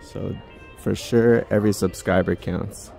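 This vlogger tours a large indoor department store, filming on a handheld phone while he walks and chats to himself in a musing way. His low, creaky, slightly mellow voice keeps a fairly even intonation at a measured pace, with soft background music.

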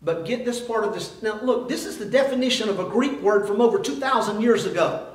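An older pastor preaches in a small indoor church sanctuary, animated and gesturing, racing ahead and then dropping low and quiet for emphasis. A far-off camera with no visible mic picks him up with roomy echo.

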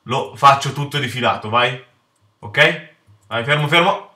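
Italian teen guy ranting at a game, bright voice, echoey room a bit off mic. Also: medium pitch, a little slow. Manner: easily enraged, swearing, shouting at the game. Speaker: gaming channel host. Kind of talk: let's play commentary.

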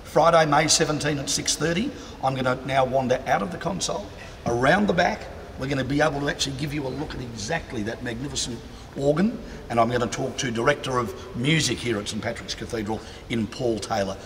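A man's voice: mid-range voice, a little fast, fairly bright tone. A man presenting and interviewing on camera, chatty and promotional, talking straight to viewers. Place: large cathedral interior. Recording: echoey cathedral with long reverb and faint background noise.

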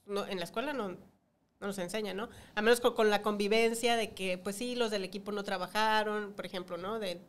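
A woman's voice: medium pitch, fairly even intonation, fairly quick. A woman co-hosting a podcast, chatting casually and prompting her co-host with questions. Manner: prompts and teases her co-host, laughs often. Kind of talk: casual chat.

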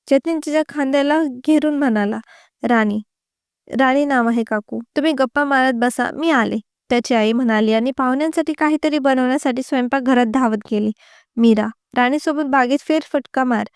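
A woman narrates a scripted story in a steady, even reading voice. Her tone is high and smooth, with a crisp resonance. The recording is dry, close to the mic. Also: no room sound.

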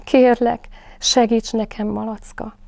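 A woman's voice: flat delivery, vocal fry, darkish tone, dry recording. A woman voicing a small young male kangaroo who is lost and clings to his friend. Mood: pleading. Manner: high, pleading childish voice.

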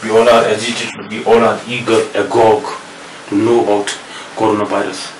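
Older Indian professor, slow patient lecturer who repeats and spells words, recorded from far off with room hiss. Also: male voice, fairly low pitch, little pitch movement. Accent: Indian English. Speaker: professor teaching English word roots. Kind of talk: classroom lecture mixing Hindi and English. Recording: echoey room, distant mic, noisy.

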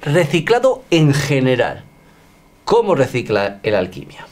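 A man in his thirties co-hosting in a brisk, teasing way, reading questions at a restaurant table. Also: mid-range voice, huge pitch swings, a little mellow. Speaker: co-host. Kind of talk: lively quiz-style hosting. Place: restaurant dining room.

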